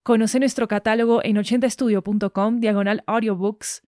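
A woman from Argentina with an Argentine accent, hosting a podcast and reading a friendly, brisk announcement. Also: a little high, fairly even intonation, a little mellow, no echo, clean studio sound. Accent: Argentine Spanish. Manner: brisk, friendly promo read. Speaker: podcast host. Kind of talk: read sponsor announcement.

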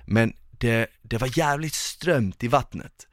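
A man's voice: medium pitch, no room sound, studio quality. A man telling a long story in casual conversation, rambling with lots of fillers. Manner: lively, rambling, with many fillers.

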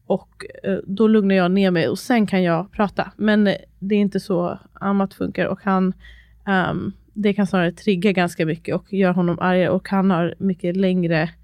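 A woman's voice: mid-range voice, no echo. Chatty woman in her 30s laughing thru a story, dry close sound. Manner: animated, laughing storyteller, mixing in English phrases. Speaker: podcast co-host. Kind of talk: casual chat.

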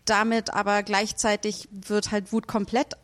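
A woman's voice: medium pitch, level tone, measured pace, a bit bright. A woman co-hosting a podcast who speaks thoughtfully, searching for words with many fillers. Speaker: podcast co-host. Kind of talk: casual discussion.

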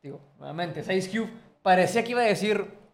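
A man with a high voice co-hosting a casual podcast. He explains things at length, often restarting his sentences as he goes. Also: animated, fast, creaky. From Mexico. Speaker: podcast co-host. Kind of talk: casual chat.

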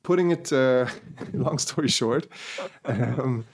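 A man's voice: medium pitch, takes it slowly, a little hiss or hum. A man co-hosting a podcast, spinning a rambling story in casual chat with many restarts. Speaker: podcast co-host.

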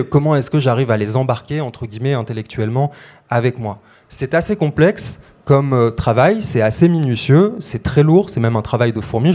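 A man's voice: medium pitch, a little mellow. Brief: male coach, mid-range voice, chatty teaching delivery full of "euh". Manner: conversational, frequent hesitations with "euh". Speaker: crowdfunding project coach. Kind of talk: explanatory talk to camera.

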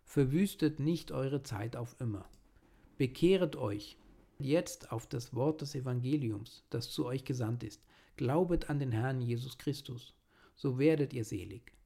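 A man's voice: medium pitch, a little slow, creaky, warm tone. A man reading an old sermon aloud in German, earnest and pleading as he exhorts his listeners.

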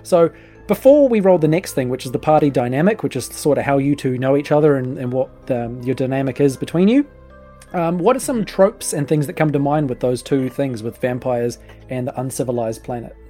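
Guy running a tabletop game podcast, soft mellow tone, casual, faint music behind him. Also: mid-range voice, expressive, fairly quick. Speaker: podcast host and game master.

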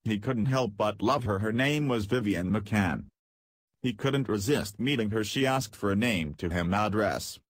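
Casting: man, husky narrator for scripted verse drama, close dry sound. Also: lowish voice, measured pace, no room sound.

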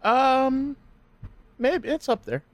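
A man's voice: very high voice, drawn-out words. A young man co-hosting a podcast over a call, teasing and arguing in casual chat. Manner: teasing, argumentative, swears casually. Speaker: podcast co-host.

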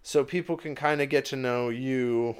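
A man hosting a casual podcast chat, animated and quick to laugh, often restarting his sentences. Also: medium pitch, clean tone. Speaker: podcast host.

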